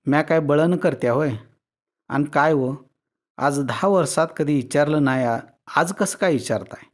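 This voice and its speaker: Male reader doing a touchy, tearful village wife, higher plaintive rustic voice. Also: normal speed, natural voice. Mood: sulky. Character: rural village wife, sulky, tearful, quick to take offense.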